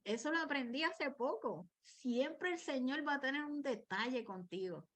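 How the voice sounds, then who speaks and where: A woman's voice: high-pitched, expressive, normal speed. A woman preacher, giving a personal, conversational sermon with frequent asides.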